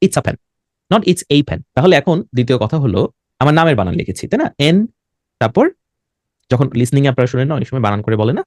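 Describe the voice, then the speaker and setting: A man with a Bangladeshi accent leads an English pronunciation lesson, his pitch rising and falling in a lively way. He switches freely between English and Bengali and keeps putting questions to his class. The sound is dry and close. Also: fast, no room sound. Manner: animated, mixes English and Bengali, quizzes students. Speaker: English teacher.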